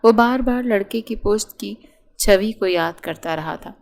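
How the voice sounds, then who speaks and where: A woman narrating a romance novel audiobook with steady, dramatic storytelling. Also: medium pitch, vocal fry.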